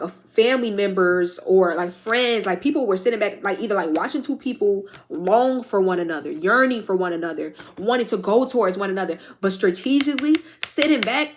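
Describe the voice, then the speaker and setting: A woman's voice: medium pitch, normal speed, few pauses, slight background noise. A young adult woman giving a casual spiritual tarot reading, chatty and slangy, swearing freely and speaking straight to her viewers. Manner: chatty, slangy and profane, addresses viewers directly. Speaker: tarot reader.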